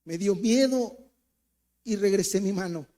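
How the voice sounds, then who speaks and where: With a Mexican accent and a high-pitched voice, this co-pastor tells a personal story during a church sermon at a slightly slow pace. He performs the voices in it and alternates lively between loud and quiet delivery.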